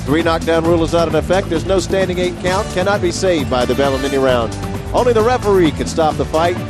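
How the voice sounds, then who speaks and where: A man with a high voice gives live boxing commentary as a play-by-play announcer. Very loud entrance music plays behind him. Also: fast.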